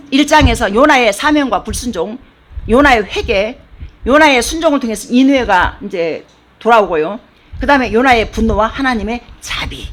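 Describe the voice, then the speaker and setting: A woman pastor preaching a sermon in a church, telling the story in an animated, colloquial way with sound effects. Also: a little high.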